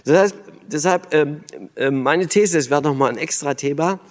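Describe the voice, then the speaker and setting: Man from Berlin, lecture voice, halting with restarts, long hall echo. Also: fairly high pitch. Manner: thoughtful, many fillers and restarts. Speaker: speaker on church and religion.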